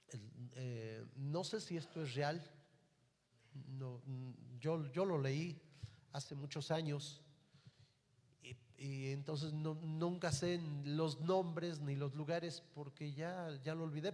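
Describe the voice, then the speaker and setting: A man's voice: on the high side, slow pace, a little mellow. A man with a Mexican accent, a pastor preaching a sermon in a church, telling a story and then speaking earnestly and directly to parents and the congregation. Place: church hall. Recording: long hall reverb.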